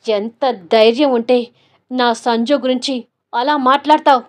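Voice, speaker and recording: A woman voicing a hot-tempered young man who shouts furiously at his mother. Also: a little high, steady tone, moderate pace, natural voice. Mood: shouting. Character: angry young husband, hot-tempered son.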